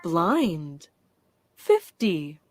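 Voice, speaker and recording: A woman working as a bingo caller, announcing rhyming number nicknames in short, deliberate, separated calls. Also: fairly low pitch, very animated. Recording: loud music behind the voice. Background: loud music.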